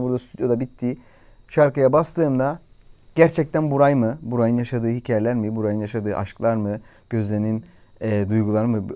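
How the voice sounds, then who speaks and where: A man's voice: medium pitch, dark tone. Earnest Cypriot Turkish singer in his thirties. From Cyprus. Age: 30s. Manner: earnest, reflective, with hesitant fillers. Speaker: singer, interview guest. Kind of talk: casual chat. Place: studio.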